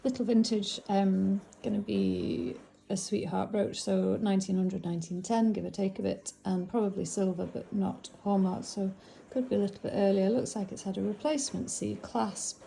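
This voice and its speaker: Middle-aged northern English woman sorting antiques on camera, chatty and fond of her finds, warm gravelly delivery. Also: mid-range voice, fairly even intonation, moderate pace, hardly any pauses, slight background noise, low-quality recording. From England. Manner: chatty, musing aloud, fond of the items. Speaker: antiques seller. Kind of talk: casual narration while sorting antiques.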